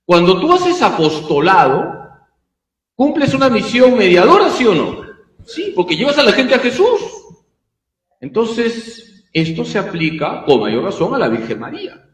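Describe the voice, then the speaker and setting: A man, a priest teaching a catechism class, animated and asking rhetorical questions he answers himself. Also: high-pitched, unhurried. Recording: echoey hall, long reverb.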